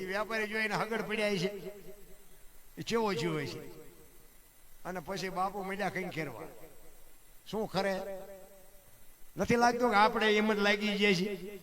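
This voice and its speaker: A man's voice: high voice, a bit bright. A man, telling a folk tale live on stage and preaching to his listeners, whom he keeps calling "bapu" while asking them rhetorical questions. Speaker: folk storyteller. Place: stage before a seated audience. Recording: live audience crowd audible.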